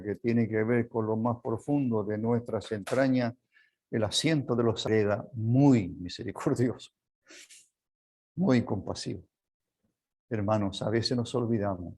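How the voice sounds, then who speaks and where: A man with a Chilean Spanish accent preaching a sermon as pastor, earnest and unhurried, closing in a quiet prayer. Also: on the low side. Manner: slow, earnest preaching that drops to a soft prayer.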